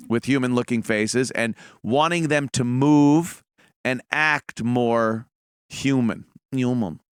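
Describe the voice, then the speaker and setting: A man's voice: medium pitch, fairly bright tone, clear, resonant tone, dry recording, studio quality. A man hosting a show, rambling with sarcastic asides. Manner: rambling, sarcastic, frequent fillers. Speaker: show host. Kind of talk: casual commentary.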